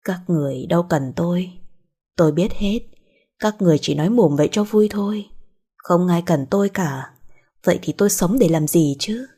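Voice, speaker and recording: A woman's voice: lowish voice, moderate pace, warm tone, breathy edge. A woman voicing a bitter middle-aged mother who talks coldly and reproachfully. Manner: cold, reproachful.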